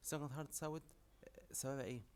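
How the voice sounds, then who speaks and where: A man's voice: mid-range voice, fairly even intonation, very fast, darkish tone. A young man with an Egyptian Arabic accent giving a casual lecture, mixing in English terms and constantly asking if students follow. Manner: quizzing, constantly asks "okay?". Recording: faint background noise.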